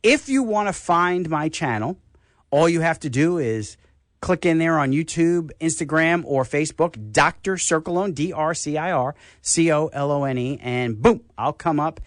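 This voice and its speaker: An older man with a New York accent hosts a radio health chat, with a lively, swinging delivery. His voice sits slightly high and is recorded close and dry. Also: no echo. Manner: animated storyteller, acts out voices. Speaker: radio show host.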